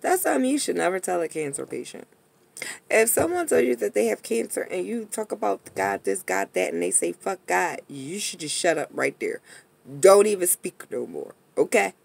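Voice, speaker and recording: An American woman vlogger rants in a tipsy, loose, rambling way. Her voice is husky and fairly low, with plenty of gravelly creak. She talks bluntly and casually, straight to her viewers. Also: big pitch swings, normal speed. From Pennsylvania, United States.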